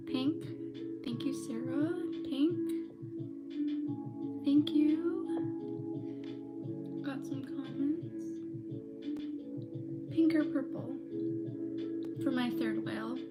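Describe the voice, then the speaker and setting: Chatty young woman with loud music behind. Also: high-pitched, very slow, long pauses. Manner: chatty and relaxed, with many "like" and "um" fillers. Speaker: crochet vlogger. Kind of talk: casual chat, reading live comments. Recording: loud background music under the voice.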